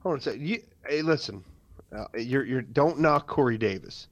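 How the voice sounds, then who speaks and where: A man's voice: mid-range voice, expressive, moderate pace, no room sound, muffled recording. Teasing, argumentative man on a remote podcast. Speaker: podcast co-host. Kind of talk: casual fantasy football chat. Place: home, recording remotely. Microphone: remote call mic.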